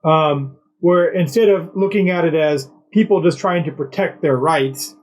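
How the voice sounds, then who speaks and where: Man, host, sarcastic commentary, rambling, lots of fillers, slightly high voice. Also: a little slow, poor audio. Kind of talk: mocking political commentary.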